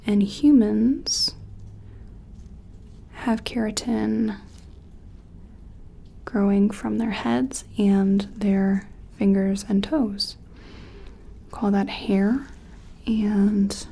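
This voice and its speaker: Soft-spoken and frequently whispering, a woman plays an examiner in a gentle ASMR roleplay, giving tentative, clinical explanations. Her medium-pitched voice has vocal fry and a breathy edge.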